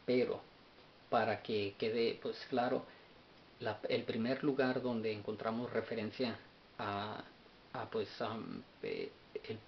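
A man with a lowish voice talks through a Bible study, stumbling and repeating words as he thinks aloud. The sound is dull and lo-fi, with a faint hiss underneath. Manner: halting, repeats words while searching notes. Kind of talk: unscripted Bible study talk.

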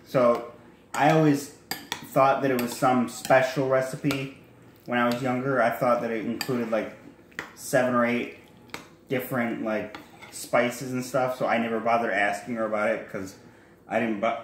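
A young man, a cooking vlogger, casually demonstrates a recipe at home, filmed on a handheld phone in his echoey kitchen with faint clatter and slight background noise. His mid-range voice rambles along, correcting itself and tossing in chatty asides.

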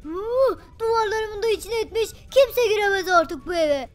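A woman's voice: extremely high pitch, expressive, moderate pace. A woman playing a bossy, gloating male police officer in a game role-play. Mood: smug.

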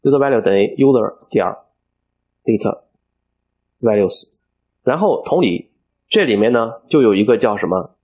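A man teaching a coding tutorial over a screen recording, explaining each step aloud and filling pauses as he thinks. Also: mid-range voice, animated, a little mellow, slightly rough. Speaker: programming instructor.

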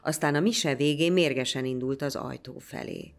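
A woman narrating a folk legend in a measured, scripted storytelling manner. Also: very deep voice.

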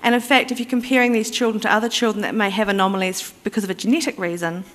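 A woman's voice: mid-range voice, fairly even intonation, very fast. A woman giving a conference presentation in an explanatory, conversational way, with fillers and restarts. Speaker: conference speaker. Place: conference hall. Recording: reverberant conference hall.

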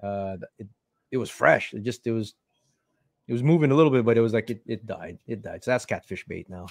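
A man hosting a fishing podcast from home over a video call with a headset, telling stories in an animated way and acting out what people said. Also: lowish voice, a little fast, creaky, no echo, studio quality. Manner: animated storyteller, acts out quotes. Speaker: podcast host. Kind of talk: casual chat.

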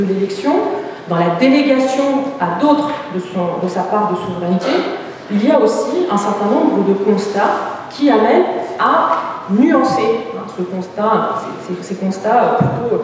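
A woman giving an academic conference talk, pausing often on fillers and restarting her phrases. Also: mid-range voice, noisy background. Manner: hesitant, many fillers and restarts. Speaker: lecturer. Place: lecture hall. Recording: echoey hall, distant mic.

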